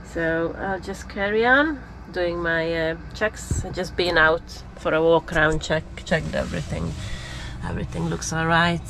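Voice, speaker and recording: Woman, 40s, has a cold, slow relaxed vlog chat, lowish voice, lorry cab, dashboard camera. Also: slight background noise. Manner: relaxed, chatty, laughs often, slightly non-native phrasing. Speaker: lorry driver vlogger.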